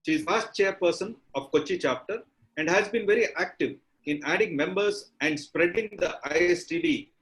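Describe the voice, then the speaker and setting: A man giving a formal welcome speech over a video conference call, his audio breaking up, speaking with halting pauses. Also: high voice, fairly bright tone, poor audio. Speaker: chapter official giving the welcome address. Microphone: computer or phone mic on a video call.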